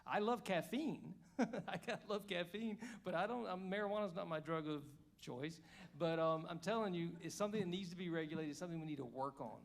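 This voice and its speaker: A man's voice: fairly high pitch, fast talker, vocal fry. A man in his fifties from Georgia, a candidate giving a chatty, joking forum speech at an indoor evening event. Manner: joking, chatty, rambling asides. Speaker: congressional candidate.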